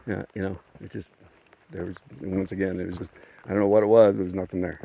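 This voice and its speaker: A man's voice: sits low, little pitch movement, quick pace, creaky, warm tone. A man casually telling a story on a hiking vlog, rambling and chuckling, with frequent restarts, outdoors on a mountain trail. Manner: rambling, chuckling, self-correcting. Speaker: thru-hiker vlogger.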